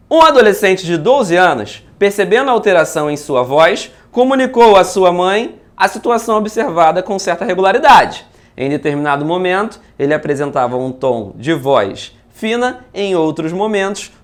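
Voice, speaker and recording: Lively Brazilian man teaching physics. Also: sits high, normal speed. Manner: lively, chatty, keeps asking "beleza?" and "né?". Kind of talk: video lesson solving exam questions.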